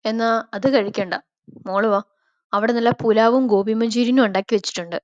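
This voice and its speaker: A woman's voice: fairly high pitch, fairly even intonation, fairly quick, dry recording, close to an everyday voice. A woman voicing a caring middle-aged mother who coaxes and fusses, on a slightly dull, dry recording. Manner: motherly and coaxing.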